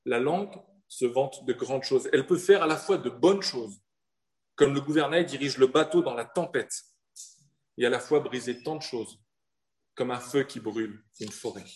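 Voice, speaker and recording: A man from southern France preaching a sermon in an earnest manner, with rhetorical questions and slowed-down emphasis. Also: medium pitch. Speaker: pastor.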